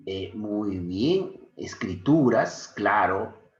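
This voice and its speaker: A man gives an online literature lesson. His low voice swings widely in pitch as he quizzes his students and adds fond teacherly asides. The sound is dull and lo-fi, with an echoey room around him over a video call. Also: extremely slow. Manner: animated, questions students often, affectionate teacherly asides. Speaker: secondary school literature teacher. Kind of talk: online class lecture.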